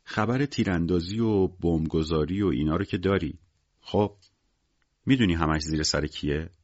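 A man's voice: sits low, darkish tone, no room sound, lo-fi sound. A man voicing a weary, menacing gangster in an audiobook, curt and cynical in everyday speech. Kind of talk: audiobook character voice.

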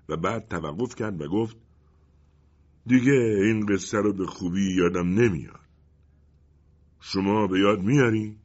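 Husky low-voiced male storyteller. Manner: expressive, dramatic storytelling. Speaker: narrator. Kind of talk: scripted audiobook narration. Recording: dull lo-fi recording.

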